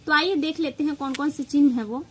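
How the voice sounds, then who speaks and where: A woman with a bright, high voice and a Hindi accent teaching a grammar lesson for exam prep. She explains patiently and step by step, leaning on key terms and slipping English words into her speech. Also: fast talker, a little hiss or hum, rough recording.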